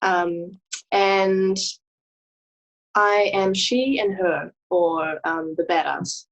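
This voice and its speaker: A woman's voice: mid-range voice, fairly even intonation, drawn-out words. A woman introducing herself as a player in a tabletop game over a video call, cheerful and hesitant with many ums. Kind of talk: casual chat at a tabletop game. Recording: slightly muffled video-call audio.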